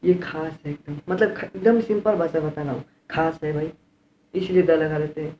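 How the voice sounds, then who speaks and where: A man's voice: a little high, steady tone, moderate pace. Hindi-speaking Indian man teaching grammar, echoey. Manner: repeats key words and quizzes with rhetorical questions. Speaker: English teacher. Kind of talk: classroom-style grammar lesson. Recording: roomy, dull lo-fi with faint room noise.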